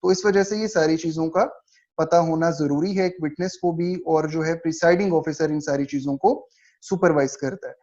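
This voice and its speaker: His voice sits on the high side, fairly even in intonation and a little mellow, as this man with a Pakistani accent teaches law. He takes a didactic approach, reading points aloud much more slowly before explaining them. The recording sounds dull and lo-fi.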